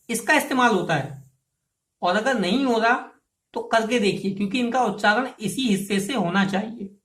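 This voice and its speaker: A woman teaches a grammar lesson at a medium pitch, patient and methodical. She repeats each term and prompts listeners to say the sounds with her. The room adds a noticeable echo. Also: a bit bright. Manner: patient, explains step by step, repeats key terms and asks students to try sounds aloud. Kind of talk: classroom lesson.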